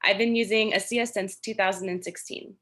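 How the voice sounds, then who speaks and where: Woman in her thirties, clear and orderly. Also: medium pitch, fairly even intonation, brisk, fairly bright tone. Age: 30s. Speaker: panel guest, athlete. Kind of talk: self-introduction on a video call. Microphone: video call.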